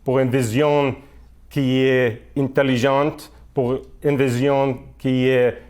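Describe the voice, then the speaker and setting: Guy doing a campaign pitch, super slow, lots of hesitating, mid-range voice. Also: little pitch movement, a little mellow. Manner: halting, hesitant, repeats phrases. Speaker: mayoral candidate. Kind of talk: campaign message.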